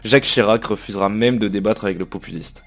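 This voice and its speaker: Low-voiced man reading a scripted column. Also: fast talker. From Provence. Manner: scripted, declamatory. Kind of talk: read political commentary.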